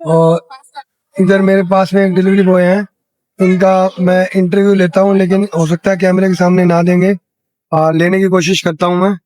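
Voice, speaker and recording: A young man from India speaks in a high, lifted voice with a dry, close sound. He runs a chatty street interview outdoors, repeating each answer back for his viewers. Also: little pitch movement, moderate pace, a little mellow, no echo. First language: Hindi. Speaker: travel vlogger interviewing a worker. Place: outdoors in a city square.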